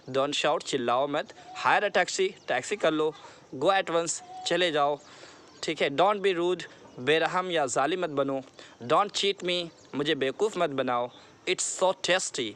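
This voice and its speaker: Slow, drilling male teacher. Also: fairly high pitch, fairly bright tone. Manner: slow, deliberate, repeats words for drilling; mixes English phrases into Hindi explanation. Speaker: English teacher. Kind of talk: classroom-style lesson.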